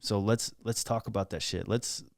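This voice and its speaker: A man hosting a podcast, talking in a relaxed, agreeable way with casual swearing. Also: lowish voice, moderate pace, gravelly, no room sound, clean studio sound. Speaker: podcast host. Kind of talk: casual conversation. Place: podcast studio.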